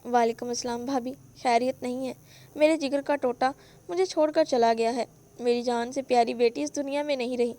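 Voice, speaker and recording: A woman's voice: high voice, fairly even intonation, dark tone, lightly acted. A woman voicing a heartbroken elderly father who weeps over his daughter in a spoken novel. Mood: mournful. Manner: weeping, pleading.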